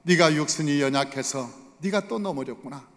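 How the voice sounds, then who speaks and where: A man's voice: on the high side, brisk, in a large hall, close to an everyday voice. A preacher voicing God as a tender father. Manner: tender, encouraging.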